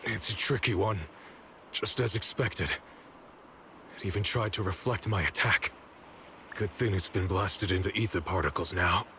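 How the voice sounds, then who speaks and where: A man's voice: deep voice, moderate pace, long pauses, pushed and bright, a little hiss or hum. A man voicing a grim, vengeful, protective warrior in a video game, with an intense dramatic delivery. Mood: grim resolve. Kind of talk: scripted video game voice acting.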